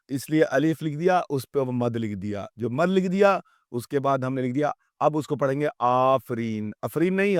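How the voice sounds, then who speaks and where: A male teacher giving a grammar lesson in a patient, measured way. He drops his pace to spell out letters one by one and repeats words for his students. The sound is dry and close, with no room around it. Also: medium pitch, no echo.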